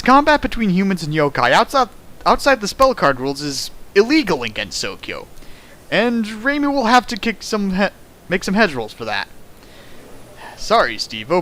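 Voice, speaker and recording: A young man with a high, sharp-toned voice reads a bad fanfic aloud, riffing on it with sarcastic, exasperated rants. It's a comedic dramatic reading from a fanfic riffer.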